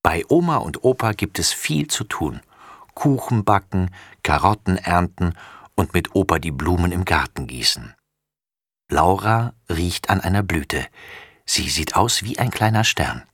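A man reading a children's storybook aloud in an expressive way. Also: low voice, a little slow, no room sound, studio quality. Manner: expressive, lively. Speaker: narrator.

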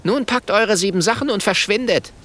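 A man's voice: sits high, normal speed, a bit bright, pitched above the performer's own voice. A man voicing a brave little boy dragon who gives bold commands.

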